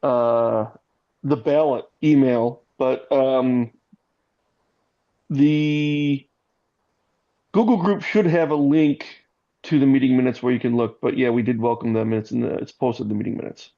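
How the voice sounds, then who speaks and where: A man's voice: mid-range voice, fairly even intonation, unhurried, pauses often. A man speaking matter-of-factly on an online meeting. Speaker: meeting participant. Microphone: video call. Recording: muffled call audio.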